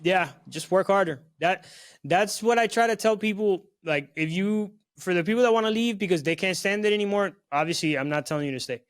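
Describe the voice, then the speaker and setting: A young South Florida man hosts a podcast, chatting casually and relaxed, full of "bro" and "you know what I mean." His voice is high, brisk, clear and resonant.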